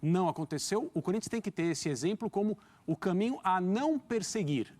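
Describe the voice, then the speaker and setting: A man's voice: high-pitched, lively intonation, brisk, darkish tone. A man giving studio football analysis in an articulate, emphatic way, with rhetorical questions. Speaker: football commentator.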